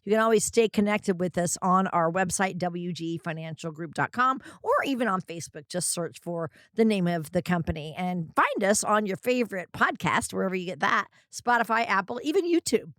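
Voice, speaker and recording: A woman's voice: lowish voice, expressive, a little fast, few pauses, a bit bright, dry recording, clean studio sound. A woman hosting a radio talk show, upbeat and chatty as she reads out contact details and prompts her guests. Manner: upbeat, chatty, laughs often.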